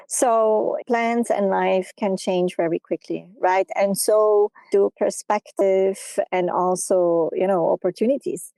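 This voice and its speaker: Gravelly-voiced woman hosting an interview. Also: medium pitch, fairly even intonation, slow pace, hardly any pauses, no echo, poor audio. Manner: warm encouraging interviewer, frequent affirming murmurs. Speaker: podcast host and program founder. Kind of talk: interview conversation.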